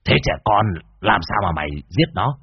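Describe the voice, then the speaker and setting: A gruff ghost hunter played by a male narrator fires pushy questions in a low, husky tone. The sound is dull and lo-fi. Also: big pitch swings, normal speed, dry recording, heavily acted. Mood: pushy questioning. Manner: interrogating, pushy.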